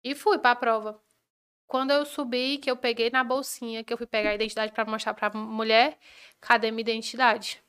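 A young woman, a podcast guest telling a personal story in a lively way and acting out what each person said. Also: fairly high pitch, normal speed, clean tone. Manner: animated, acts out the dialogue of people in her story.

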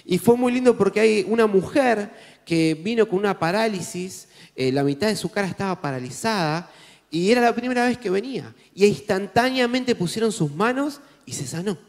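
A man with a Rioplatense Spanish accent, preaching a sermon as pastor in an animated, conversational way with jokes. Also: sits high, moderate pace. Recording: echoey hall with faint music.

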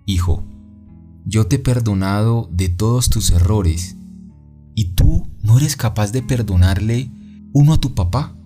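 God speaks as a gentle but firm father, slow and reproving, voiced by a man telling his story. The tone is mellow and dark. Soft guitar plays faintly behind. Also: lowish voice, close to an everyday voice. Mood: gently reproving.

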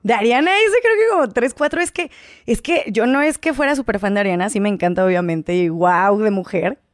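A woman's voice: mid-range voice, fairly quick, no echo. A young woman with a Mexican accent, chatting casually as a guest, slangy and playful. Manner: slangy, playful, laughs often. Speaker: guest youtuber. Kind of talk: casual chat.

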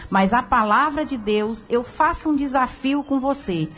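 A woman's voice: high voice, unhurried, fairly bright tone, a little hiss or hum. A woman radio pastor preaching with fervent emphasis, laughing often as she talks.

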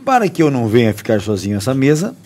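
A man's voice: mid-range voice, big pitch swings, fast talker, darkish tone. A man from Brazil hosting a podcast, addressing listeners in a friendly, casual way. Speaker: podcast host.

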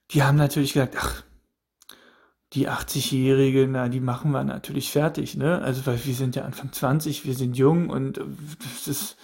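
On the high side but darkish in tone, this man's voice belongs to a solo podcast host in his thirties. His casual monologue muses aloud, with questions repeated and frequent restarts.

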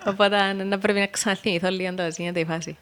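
A young woman with a Cypriot Greek accent, a rally co-driver talking as a guest in a relaxed podcast chat, telling stories loosely with plenty of fillers. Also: mid-range voice, smooth. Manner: chatty, loose storytelling with many fillers. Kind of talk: casual podcast conversation.

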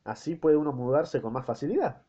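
A man's voice: a little high, animated, a little fast, warm tone, husky. An Argentine man voicing a brash, mocking drunken husband, tossing off flippant retorts in a slightly muffled recording.

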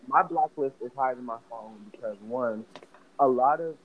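A man guest on a group call, boastful and quick with comebacks, his voice muffled and distant as if heard through a wall. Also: medium pitch. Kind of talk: casual joking chat. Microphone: call mic set too far away.

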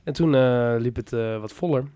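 A young man co-hosts a casual podcast chat, talking close to the mic. He jokes around and brags, and he swears casually as he tells stories. His voice sits at a middle pitch. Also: normal speed, mellow, clean tone, no room sound. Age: young adult. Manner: joking, boastful, swears casually. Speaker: podcast co-host.

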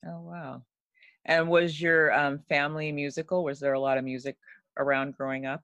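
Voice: medium pitch, steady tone, normal speed, fairly bright tone, no echo. Enthusiastic podcast host, chatty delivery, dry close mic. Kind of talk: podcast intro and interview.

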